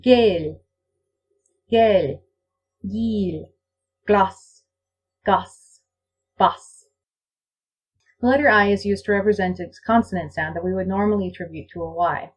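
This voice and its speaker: Woman language teacher, husky voice, mid pitch, deliberate word-by-word examples. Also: highs cut off. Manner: reads out example words one by one, slow and deliberate. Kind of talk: slide-show lecture on pronunciation.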